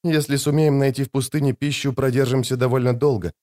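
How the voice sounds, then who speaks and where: A man reading an audiobook, voicing a calm, resolute noblewoman who is the mother of a teenage son, in a quiet, measured, inward way. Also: mid-range voice, dry recording, studio quality, close to an everyday voice. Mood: steady.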